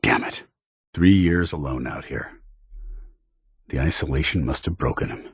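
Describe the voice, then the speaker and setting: An actor playing a stern, duty-bound paladin soldier in a video game, gruff, commanding and formal in his military phrasing. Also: extremely low pitch, a little slow, no room sound, studio quality, heavily acted. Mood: somber, regretful. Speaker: military companion character.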